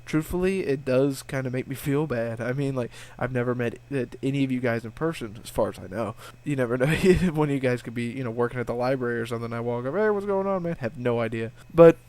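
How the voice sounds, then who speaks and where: A young adult who hosts a video game walkthrough channel takes viewer questions in a loose, rambling, easygoing way, cursing often and starting sentences over. His ordinary mid-pitched voice has a darkish tone and sounds slightly sniffly, as though he has a cold and sore throat. He talks quickly with barely any pauses.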